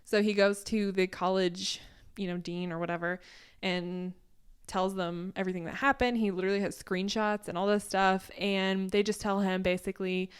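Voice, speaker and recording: A woman's voice: medium pitch, steady tone, normal speed, smooth. A woman co-hosting a podcast, chatting casually and laughing lightly between phrases. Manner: chatty, laughs lightly mid-sentence, uses lots of "like". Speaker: podcast co-host. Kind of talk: casual chat.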